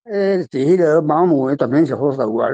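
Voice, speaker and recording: Here a guest author, an older man with a Taiwanese accent, answers questions about literature off the cuff. His high, mellow voice is animated and fairly quick, and he rambles in a plain, emphatic style, saying things more than once.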